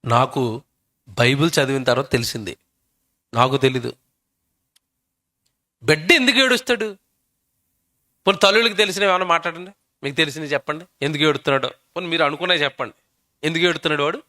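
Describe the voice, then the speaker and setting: A man preaches a sermon, firing emphatic questions at his listeners. His voice is high-pitched and bright. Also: fast, long pauses. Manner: emphatic, keeps quizzing the audience.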